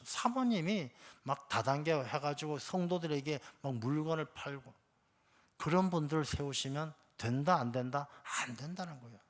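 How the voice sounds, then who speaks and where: A man's voice: on the high side, fairly bright tone. A male pastor preaching a sermon in a conversational, emphatic way, speaking straight to the congregation and repeating his key points. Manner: conversational, addresses the congregation directly.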